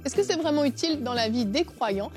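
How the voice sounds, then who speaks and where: High-voiced woman, a teasing host. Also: animated, fairly quick, a little mellow, faint music behind. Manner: teasing, laughs often.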